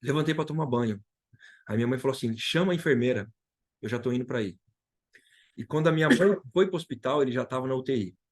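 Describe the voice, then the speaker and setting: A man's voice: mid-range voice, fast. Man, from Brazil, guest giving a testimony, heartfelt storytelling, repeats key lines. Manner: retells dialogue and repeats key phrases. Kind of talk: emotional personal testimony.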